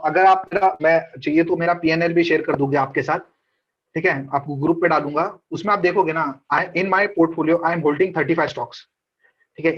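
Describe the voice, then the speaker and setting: A man gives a relaxed trading lesson online via video call, where his high voice sounds somewhat dull over the lo-fi connection. He keeps things chatty, repeats what he's said, and mixes Hindi with English throughout.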